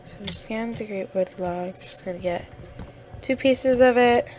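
Casting: young woman gamer, casual commentary, relaxed slow delivery, faint background hiss. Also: a little high. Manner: chatty, easily flustered, sniffling.

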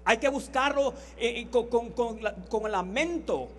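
A man with a Honduran accent preaches a sermon in a very high voice, with a faint hum underneath. He tells stories and repeats phrases for emphasis. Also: unhurried. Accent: Honduran Spanish. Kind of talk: sermon with anecdotes.

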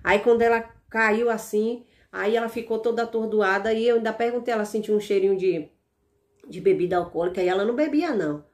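A woman's voice: medium pitch, fairly quick. A woman with a Brazilian Portuguese accent telling an evangelical testimony in a casual, emphatic way, repeating words and restarting phrases. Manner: emphatic, repetitive storytelling with restarts. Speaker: evangelical channel host.

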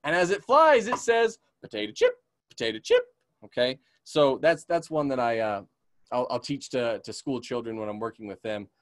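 Lively naturalist man teaching a webinar. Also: mid-range voice, normal speed, dry recording, studio quality. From American West. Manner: lively, checks in with frequent "okay?", imitates bird calls. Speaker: community naturalist teaching a class. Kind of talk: webinar lesson.

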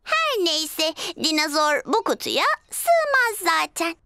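A woman voicing a cheerful, bossy little girl piglet in a dubbed cartoon, high and giggly. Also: very animated, slow pace, sharp tone, no echo, studio quality, exaggerated voice. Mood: teasing. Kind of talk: Turkish cartoon dub. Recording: cartoon with clear music behind.

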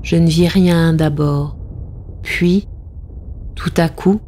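A woman's voice: low voice, fairly even intonation, slow pace, warm tone. A woman giving a dramatic reading of a classic tale, impassioned and rising to anguished cries in the tense passages. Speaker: reader.

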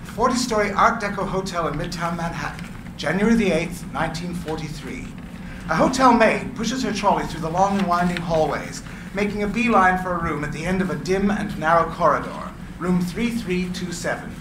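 A male narrator with a high-pitched voice, gravelly from recording work, reads stage directions clearly and expressively at normal speed. He uses a stand microphone in a meeting room with an audience, and the room is echoey with background noise.

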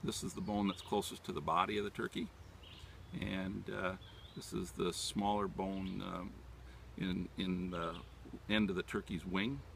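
Low, gravelly older man outdoors. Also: fairly even intonation, a little slow, a bit bright, a little hiss or hum. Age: 60s. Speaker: turkey hunting instructor. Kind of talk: informal outdoor demonstration talk. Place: outdoors in leafy woodland. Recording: distant mic outdoors, natural background sounds.

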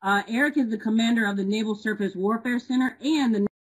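Woman, breathy voice, moderator, reading introductions, hesitant. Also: a little high, quick pace, poor audio. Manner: reads bios with frequent hesitations. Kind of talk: introducing speakers.

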